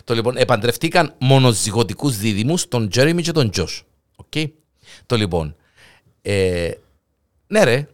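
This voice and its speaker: A man's voice: mid-range voice, sing-song, long pauses. A man with a Greek Cypriot accent co-hosting a show, bantering casually and teasingly over odd news in colloquial speech. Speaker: co-host of a comic news show.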